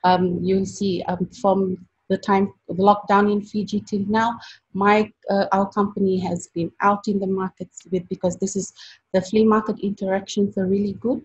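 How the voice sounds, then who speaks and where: A woman's voice: medium pitch, little pitch movement, moderate pace, slightly rough. A woman founder answering judges' questions, hesitant with many fillers. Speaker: startup founder pitching. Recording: dull lo-fi sound.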